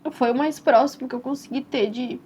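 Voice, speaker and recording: A young Brazilian woman tells her own story as a mother in a soft, tender and reflective way, often adding "né?" and "assim". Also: sits high, steady tone, brisk. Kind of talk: personal testimonial storytelling. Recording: slightly dull recording with faint hiss.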